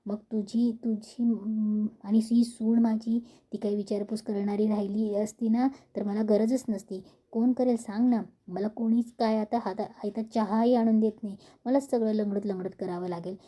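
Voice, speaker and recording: A woman's voice: mid-range voice, steady tone, normal speed, few pauses, dark tone, breathy edge, natural voice. Woman doing a nagging old mother-in-law. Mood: complaining. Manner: grumbling, scolding. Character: nagging older mother-in-law, complaining and sharp-tongued.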